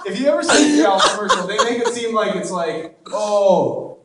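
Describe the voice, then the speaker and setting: Young male stand-up from Canada, crude and rambling, high voice, live club sound from a distant mic. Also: very animated, fast, background noise. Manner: rambling, crude, self-deprecating, many "like" and "you know" fillers. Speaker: stand-up comedian. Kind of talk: stand-up comedy set. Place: comedy club. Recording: echoey club, distant mic, crowd laughter.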